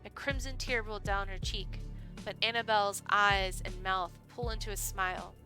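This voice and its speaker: A woman's voice: mid-range voice, fairly even intonation, moderate pace, music in the background. A woman streamer reading a visual novel aloud with chatty, laughing asides, her throat drying out. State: voice going hoarse, throat dry.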